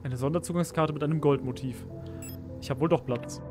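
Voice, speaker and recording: A man's voice: on the high side, a little fast, music in the background. A man commenting casually while playing a horror game, easily startled and pleading with the enemies on screen. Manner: jumpy, pleading and squealing at enemies. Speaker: let's play gamer.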